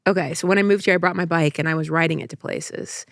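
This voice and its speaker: A woman's voice: deep voice, fast, gravelly, no room sound. A woman co-hosting a comedy podcast, telling rambling, self-deprecating stories in casual chat, recorded on a close studio mic. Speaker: podcast co-host.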